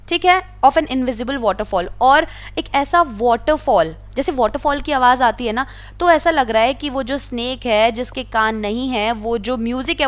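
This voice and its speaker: Woman teacher with a high voice: reads textbook lines slowly, then explains them plainly. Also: fairly bright tone. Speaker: English teacher. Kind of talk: explaining a textbook lesson in Hindi.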